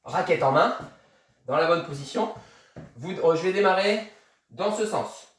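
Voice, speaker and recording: High-voiced tennis coach counting reps. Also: male voice, animated, measured pace, a bit bright, very echoey, recorded from a distance. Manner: counting reps aloud, encouraging; moving while talking, demonstrating exercises. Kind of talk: instructing a kids' home tennis workout.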